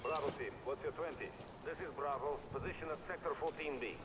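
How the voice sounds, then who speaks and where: A man's voice: on the high side, fairly quick. A man voicing a security guard giving clipped call-and-response reports over a two-way radio in a video game. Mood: routine. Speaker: guard on patrol. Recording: distant radio voice under loud game noise.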